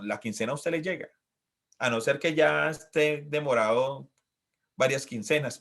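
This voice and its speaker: Husky-voiced male pastor preaching. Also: medium pitch. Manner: acts out pleas and quotes, swinging from loud to hushed. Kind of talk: sermon.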